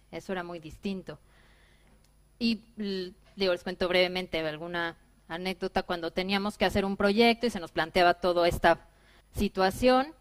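A woman, giving a personal keynote talk to a seated audience in a bright conference room, lively and acting out her own past remarks. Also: medium pitch. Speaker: conference speaker.

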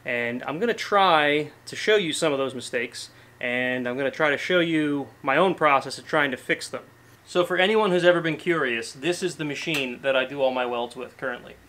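A man in his thirties chatting casually to camera in a cluttered garage workshop, relaxed and full of fillers and restarts. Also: medium pitch, normal speed, a little hiss or hum. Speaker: garage vlogger. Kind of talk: casual show-and-tell to camera.

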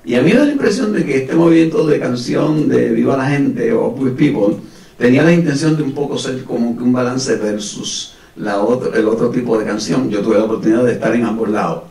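A middle-aged Puerto Rican man telling stories with a relaxed, chatty manner in a community room. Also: mid-range voice, a little fast, vocal fry. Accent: Puerto Rican Spanish. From Puerto Rico. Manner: relaxed, chatty between songs, sings décima verses. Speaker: singer-storyteller. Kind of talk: sung verse and spoken storytelling with guitar. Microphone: stand mic, seen from a far camera. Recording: roomy, mic at a distance, loud guitar.

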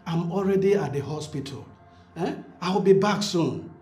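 An actor playing a harried, well-meaning middle-aged Nigerian uncle, pleading and placating in a naturalistic film style. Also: male voice, on the high side, animated, moderate pace, lightly acted. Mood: flustered pleading. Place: roomy indoor clinic waiting area. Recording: roomy sound with faint music.

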